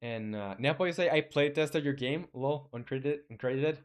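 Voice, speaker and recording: A young Chilean man who streams game development talks casually with his audience, reading viewer comments as he codes; Spanish is his first language. His clear, resonant voice sits at an ordinary middle pitch, and he halts often, restarting and filling gaps with "uh" and "like."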